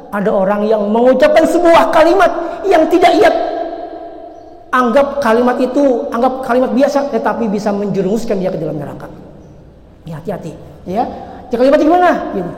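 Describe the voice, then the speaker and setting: A man gives a casual sermon, addressing the congregation directly and joking with them as he goes. His emphatic points ring out loud, while his asides drop almost to a murmur. The recording is roomy, with a long reverb tail from the hall. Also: high-pitched. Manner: chatty, addresses listeners directly and jokes with them; swings between loud emphatic and quiet asides. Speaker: preacher.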